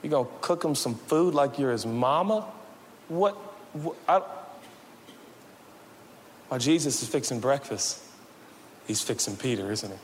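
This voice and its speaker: A man preaching a sermon as pastor, swinging from loud shouts to hushed, low passages. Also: lively intonation, measured pace, pauses often, long reverb tail, slight background noise. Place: church sanctuary.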